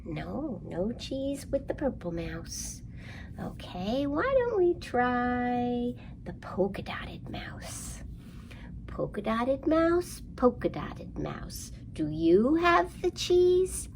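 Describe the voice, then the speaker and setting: A woman leads an interactive storytime for young children at a very unhurried pace, her slightly high voice sing-song and marked by noticeable fry. She fills her delivery with questions for the little listeners, and faint noise sits in the background.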